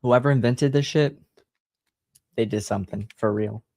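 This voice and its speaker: A man hosting a livestream, chatting casually and reading a horror book aloud in a relaxed, sighing manner. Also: mid-range voice, normal speed, vocal fry, no room sound. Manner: relaxed, sighing, laid-back.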